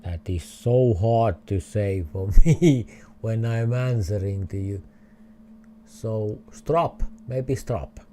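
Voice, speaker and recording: Streaming a geography game, a Finnish-accented man thinks aloud in hesitant English, chuckling as he goes. His voice sits on the low side and sounds warm, and he talks slowly. There's a little hiss or hum on the recording.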